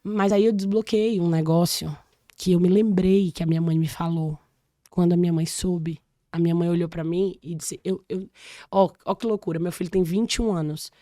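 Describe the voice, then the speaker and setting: Woman in her 40s from salvador, guest on a podcast, talks lively, stops and restarts a lot, dry close mic. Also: on the low side, moderate pace, no room sound. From Salvador, Brazil. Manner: animated storytelling with many restarts. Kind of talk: casual interview chat.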